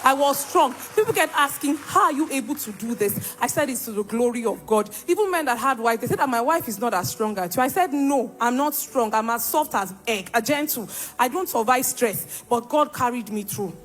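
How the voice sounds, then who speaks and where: A woman's voice: a little high, lively intonation, normal speed, few pauses. Woman giving an emphatic testimony. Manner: emphatic storytelling, acting out dialogue. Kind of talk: church testimony.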